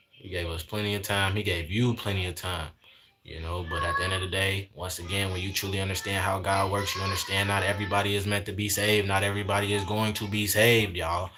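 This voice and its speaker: A man's voice: sits low, background noise. A man in his twenties chatting casually on a livestream, preaching in a repetitive way and sprinkling in "man" and "y'all". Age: 20s. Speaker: livestream host.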